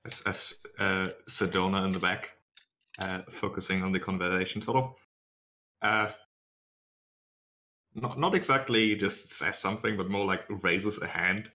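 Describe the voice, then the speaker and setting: A man narrating a tabletop role-playing game as game master, improvising in halting phrases. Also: sits low, steady tone, pushed and bright, a little hiss or hum.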